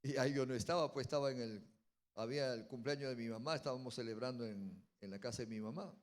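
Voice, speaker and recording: A man, a pastor telling a story in a sermon and building to loud, emphatic preaching. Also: mid-range voice, fast. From Peru.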